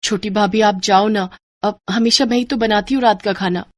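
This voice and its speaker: A woman voicing a frightened teenage girl in an animated storybook, speaking hesitantly and stammering. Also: medium pitch, normal speed, close to an everyday voice. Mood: pleading.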